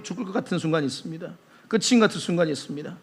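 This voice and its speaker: A man delivers a Sunday sermon in a high, very lively voice. He dramatizes his quotes, leaping between loud cries and quiet, hushed lines. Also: rapid-fire, slightly rough. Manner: dramatic, acts out quotes with sudden loud and soft swings. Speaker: pastor. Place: church sanctuary.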